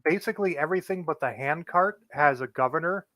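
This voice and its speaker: A man co-playing on a game stream, explaining things in a flat, monotone way. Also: on the high side, fairly quick, no echo. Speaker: guest co-player. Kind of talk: casual gameplay explanation.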